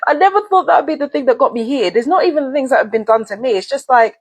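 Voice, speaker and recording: A woman vlogger rants straight to camera in a high, animated, quick voice with a breathy edge. She's angry and heated, swearing often and repeating herself.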